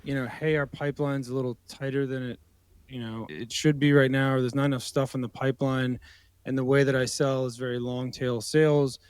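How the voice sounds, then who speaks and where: A man's voice: medium pitch, little pitch movement, brisk, smooth, dry recording. A man hosting a podcast interview, asking loose, rambling questions in a friendly, chatty way. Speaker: podcast host. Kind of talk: conversational interview.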